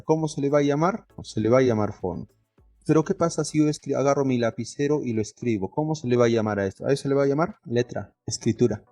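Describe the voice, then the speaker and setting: A man's voice: medium pitch, warm tone. A male teacher giving a lesson, asking the class questions and answering them himself, with lots of diminutives.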